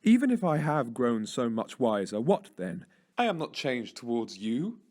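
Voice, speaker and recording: A man's voice: mid-range voice, sing-song, a little slow, darkish tone, no room sound, studio quality. A man voicing a proud, defensive, money-hardened man in a classic storybook tale, curt and impatient. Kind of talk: dramatised audiobook reading of a classic tale.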